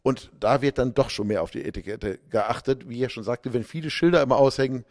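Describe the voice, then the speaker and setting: A man co-hosting a casual chat in a relaxed, conversational way. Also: medium pitch, fast, dry recording, clean studio sound. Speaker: podcast co-host.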